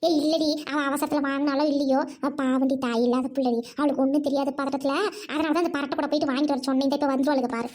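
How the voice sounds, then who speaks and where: A high-pitched, bossy cartoon big sister, voiced by a woman. She scolds and orders everyone around in a loud, sharp voice. She looks after a friend who has no mother. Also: fairly even intonation, quick pace, close to an everyday voice. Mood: fussy. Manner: scolding, commanding. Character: bossy married woman, the bride's protective older friend. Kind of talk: cartoon voice acting.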